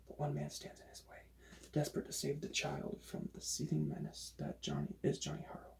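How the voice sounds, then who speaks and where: A man in a whispered role-play speaks as a librarian in a hushed, breathy library whisper, thick with gravelly fry. His voice sits a little high for a man, and clear noise runs behind it. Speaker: librarian recommending books in an ASMR roleplay.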